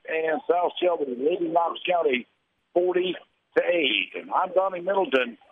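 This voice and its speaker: An American man hosting a live radio sports broadcast, reading scores and statistics in a play-by-play commentary style over a narrow-band signal. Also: on the high side. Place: live from a high school tournament.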